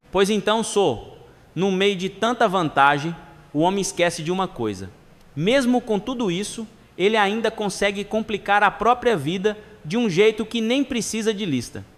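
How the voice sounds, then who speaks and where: A man's voice: high voice, fairly bright tone. A man with a Brazilian Portuguese accent telling jokes in a folksy, mocking monologue full of rhetorical questions. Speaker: comic storyteller. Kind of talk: joke monologue.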